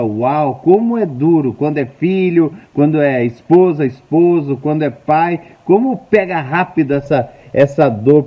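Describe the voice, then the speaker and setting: Pastor, man, chatty live-stream talk to viewers, fairly high voice, muffled phone sound. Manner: chatty, asks viewers questions. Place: indoor room at home.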